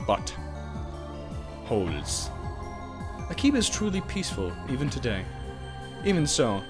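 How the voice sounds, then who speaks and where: Backed by music, a man hosts a let's play in a mid-range voice with huge pitch swings and a measured pace. He reads game text aloud, then breaks into jokey, exclamatory, goofy asides.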